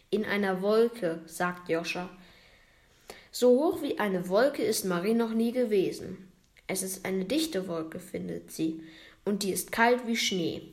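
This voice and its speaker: A woman reading a children's storybook aloud in a gentle, expressive way. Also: medium pitch. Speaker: narrator.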